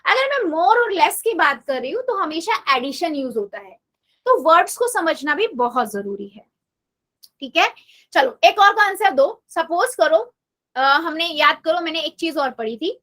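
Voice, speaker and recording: High-voiced woman teaching an online class. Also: sing-song, unhurried, a bit bright. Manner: patient, coaxing, repeats questions to students; mixes English math terms into Hindi. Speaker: math teacher.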